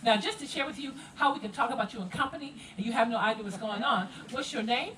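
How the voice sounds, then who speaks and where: A woman with a Gullah Geechee Low Country accent giving an animated, rhythmic heritage presentation to visitors, leading call-and-response. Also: fast talker, far from the mic, a crowd in the background, poor audio. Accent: Gullah Geechee, South Carolina Low Country. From coastal South Carolina. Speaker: cultural presenter.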